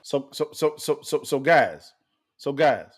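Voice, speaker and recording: A man's voice: medium pitch, animated, slow pace, breathy edge. A man hosting a podcast, giving fired-up commentary and asking the same pointed questions again and again. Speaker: podcast host. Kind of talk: impassioned commentary.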